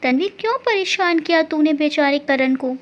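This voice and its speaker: A woman's voice: sits high, lively intonation, normal speed. A woman voicing a caring middle-aged mother who scolds her daughter fondly. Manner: fond scolding. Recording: dull lo-fi recording.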